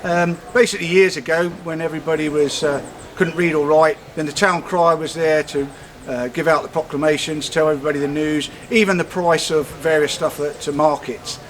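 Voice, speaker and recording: A man's voice: fairly high pitch, fairly even intonation, fairly quick. A man giving an informal, slightly hesitant explanatory chat. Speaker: town crier. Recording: light background noise.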